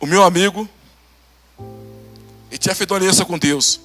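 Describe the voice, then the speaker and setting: A man's voice: sits high, a little fast, faint music behind. A Brazilian pastor preaching a testimony sermon, acting out conversations and laughing as he tells it. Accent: Brazilian Portuguese. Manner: animated, acts out dialogue, laughs.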